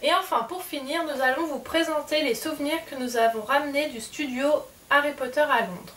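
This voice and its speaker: A woman's voice: sits high, fairly even intonation, a little fast, a bit bright, far from the mic. A woman casually showing her souvenir collection to the camera, chatty and hesitant with many fillers. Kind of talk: casual unboxing vlog. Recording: off-mic with faint background noise.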